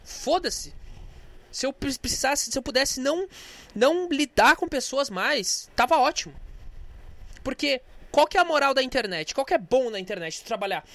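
A man's voice: very high voice, expressive, normal speed, sharp tone, no echo. A young man venting in an angry, profane, indignant monologue for his vlog. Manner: angry, swearing, indignant ranting. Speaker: vlogger.

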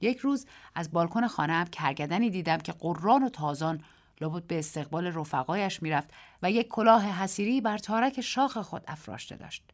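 A woman narrating a short story on a radio program in a measured, expressive way. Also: lowish voice.

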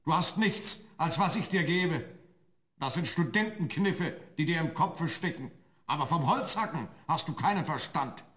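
A man playing a gruff, scolding woodcutter father in a fairy-tale radio play. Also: on the high side, animated, moderate pace, fairly bright tone. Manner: scolding and grumbling.

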